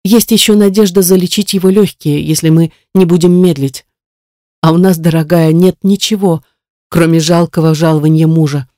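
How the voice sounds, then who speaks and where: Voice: medium pitch, fairly even intonation, moderate pace, mellow, dry recording, clean studio sound, lightly acted. A reader voicing an anxious mother, grieving over her sick son and pleading tearfully, in an audiobook. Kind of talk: audiobook character reading.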